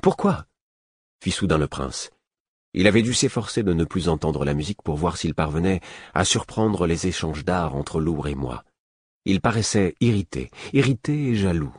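Deep husky male audiobook narrator. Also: expressive, normal speed, no echo, studio quality. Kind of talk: scripted first-person fantasy narration.

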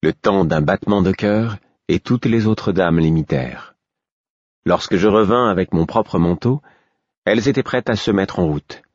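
A man reading a first-person novel aloud in a measured, even style, in a dull, dry recording. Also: low-pitched, dry recording. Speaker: audiobook narrator. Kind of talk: scripted first-person literary narration.

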